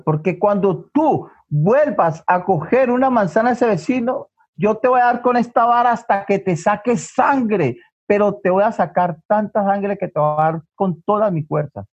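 A male preacher voicing a stern, devout mother who scolds her son slowly and deliberately, in a dull lo-fi recording. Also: sits high, breathy edge.

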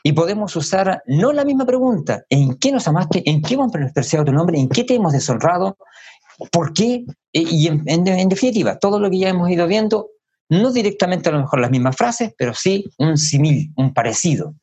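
Husky-voiced man preaching a measured sermon. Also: high-pitched, lively intonation, darkish tone, dull audio. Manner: measured, repeats key phrases for emphasis; thinking aloud with hesitations.

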